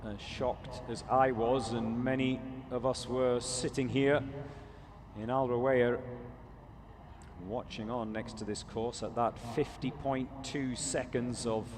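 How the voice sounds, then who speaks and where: A man commentating live at an outdoor competition, chatty and self-correcting, and talking straight to the viewers watching online. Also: mid-range voice. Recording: crowd noise behind.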